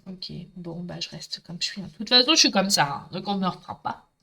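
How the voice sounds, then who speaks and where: Woman, Marseille accent, talkative live crafting host, bright forward voice, middle-aged. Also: on the low side, a little fast. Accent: Marseille French. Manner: chatty, talkative, addresses viewers directly. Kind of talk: live crafting tutorial, chatting with viewers.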